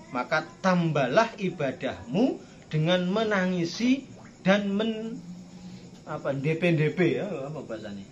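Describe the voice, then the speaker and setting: A male preacher giving a playful religious study talk, acting out tearful pleading prayers. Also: a little high. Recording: dull lo-fi sound, faint background noise.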